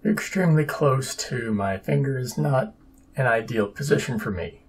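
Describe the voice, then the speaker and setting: A man's voice: mid-range voice, expressive, moderate pace, slightly rough. A man narrating his own papercraft build in a casual, dry, sarcastic and self-deprecating way. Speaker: papercraft hobbyist.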